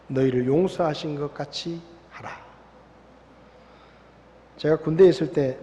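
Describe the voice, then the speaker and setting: A male pastor from Gyeongsang province, South Korea, preaches a sermon in a high, animated voice with a Gyeongsang Korean accent. He tells stories vividly and acts out characters' voices, recorded in a church sanctuary with long hall reverb.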